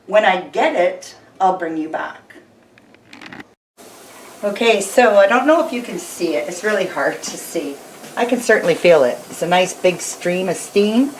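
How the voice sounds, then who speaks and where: A woman's voice: on the low side, expressive, unhurried, echoey room, low-quality recording. A middle-aged woman chatting instructively and folksily as she cooks in a home kitchen, with machine noise behind her. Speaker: host of a home canning video. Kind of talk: casual instructional chat while cooking. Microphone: camera a short distance away. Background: kitchen appliance machine noise.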